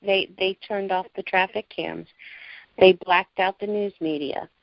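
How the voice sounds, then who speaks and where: A woman in her forties calling in to a group call, speaking earnestly with some halting restarts. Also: medium pitch, steady tone, creaky, dry recording, highs cut off. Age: 40s. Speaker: caller, prepping group organizer. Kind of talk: casual conference call chat.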